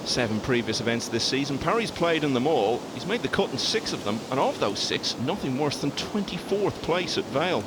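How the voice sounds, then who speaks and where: A man's voice: medium pitch, big pitch swings, moderate pace, few pauses, very noisy. A man giving golf commentary as the lead voice, informative, setting out scores and player records.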